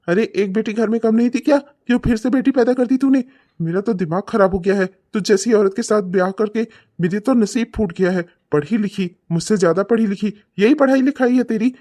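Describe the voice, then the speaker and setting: Someone voicing a cruel hot-tempered cartoon husband, yells and snarls, mellow dark tone. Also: medium pitch, close to an everyday voice. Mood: resentful. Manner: shouting insults, snarling and threatening. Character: abusive, short-tempered husband and father. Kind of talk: cartoon comedy voice acting.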